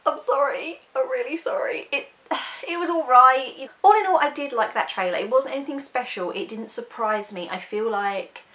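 A woman's voice: high-pitched, normal speed, fairly bright tone. Chatty woman vlogger. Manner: chatty, candid, apologetic asides. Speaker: book vlogger. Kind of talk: casual reaction chat.

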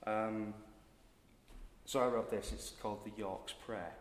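Mancunian poet in an echoey chapel. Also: male voice, lowish voice, fairly even intonation, measured pace, slight background noise. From Manchester, England. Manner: chatty, self-mocking, hesitant asides. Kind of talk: live comic poetry performance. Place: chapel, live audience. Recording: echoey chapel hall with live audience.

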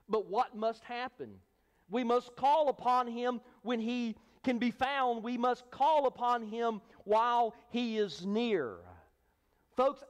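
A man's voice: very high voice, big-room sound. A man preaching a sermon as pastor, emphatic, acting out voices of a crowd. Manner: emphatic preaching, acts out the crowd's hushing in a raised voice. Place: church sanctuary.

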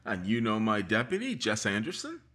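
This man's voice sits lowish, his pitch swooping wildly at a normal pace, with a bright, forceful, fully acted character sound that is husky and drawling, full of "uh" and "mm." He plays a patient small-town sheriff in a 1950s-style radio mystery, hesitating as he questions a witness in a suspicious mood.

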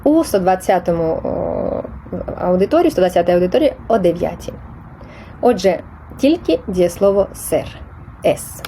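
A woman's voice: fairly low pitch, very animated, normal speed, dark tone, slight background noise. A woman explaining Spanish test answers in Ukrainian, patient and methodical, with small hesitations and restarts. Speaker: Spanish teacher.

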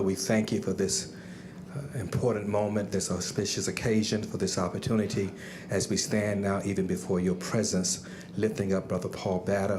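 Deep-voiced reverend praying aloud. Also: male voice, background noise. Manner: reverent, rolling phrases with repetition. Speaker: reverend leading a prayer. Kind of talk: solemn public invocation.

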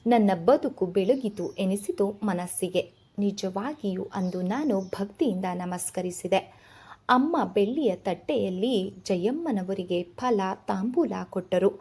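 A woman reading a novel aloud in first person, in a slow, measured, reflective way. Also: medium pitch, expressive, slightly rough.

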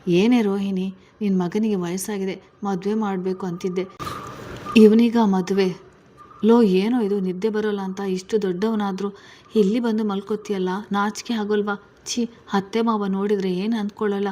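A woman's voice: medium pitch, level tone, moderate pace, dark tone, a little hiss or hum, lightly acted. A woman voicing an exasperated middle-aged wife and mother in a spoken family story. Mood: scolding. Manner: scolding.

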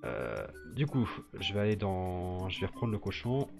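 Young male streamer, low voice, loose improvised talk-through over faint music. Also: big pitch swings, normal speed, gravelly. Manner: thinks aloud, many fillers and restarts. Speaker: streamer building a 3D model live. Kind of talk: casual live-stream commentary.

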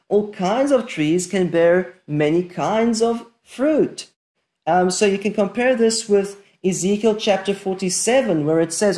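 A woman teaching a screen-share Bible lesson, reading Hebrew aloud and translating it word by word in a calm, deliberate, explanatory way. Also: medium pitch.

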